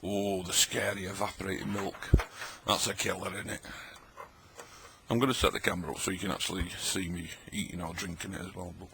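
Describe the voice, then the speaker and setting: Gravelly low-voiced man vlogging. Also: little pitch movement, fairly quick, sharp tone, a little hiss or hum. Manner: chatty, rambling, jokey, talks while eating. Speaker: vlogger tasting old tinned food. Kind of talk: casual late-night vlog talk. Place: at home at a table, late at night.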